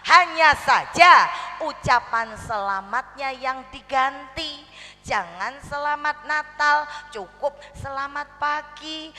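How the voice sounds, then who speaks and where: A woman's voice: high voice, bright, forceful tone. A woman with a Javanese accent, preaching to a women's gathering in a humorous, chatty way and slipping into Javanese. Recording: long hall reverb.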